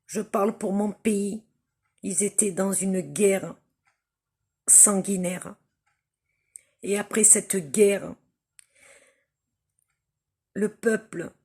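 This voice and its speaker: An Algerian woman vlogger makes an impassioned appeal straight to her viewers on camera. Her medium-pitched voice is husky, slightly breathy and darkish, and she speaks very slowly and deliberately, stressing her points by repeating phrases.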